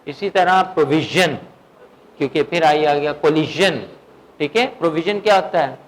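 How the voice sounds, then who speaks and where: Man teaching in a classroom, slightly high voice. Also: low-quality recording. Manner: drills vocabulary, asks questions and answers them himself; slow dictation of English sentences. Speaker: English teacher. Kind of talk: classroom lecture.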